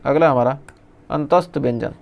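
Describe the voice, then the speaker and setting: A man's voice: mid-range voice, moderate pace, gravelly, highs cut off. A male teacher giving an exam revision lesson, reading out lists and asking and answering his own questions.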